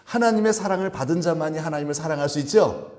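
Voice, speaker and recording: A man's voice: a little high, quick pace, a little mellow. A male pastor preaching a sermon, asking the congregation questions and acting out quoted complaints in a raised voice. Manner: asks the congregation frequent questions.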